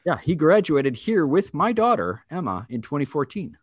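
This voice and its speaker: Middle-aged man, podcast co-host, enthusiastic, repeats himself, lively pitch, dry sound. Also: normal speed, no room sound. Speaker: podcast co-host and school principal. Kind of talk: casual podcast chat.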